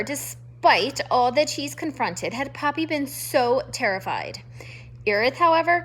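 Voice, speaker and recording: A woman reading a children's novel aloud in a measured, expressive way. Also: on the high side, a little hiss or hum. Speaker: reader. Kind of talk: storybook read-aloud.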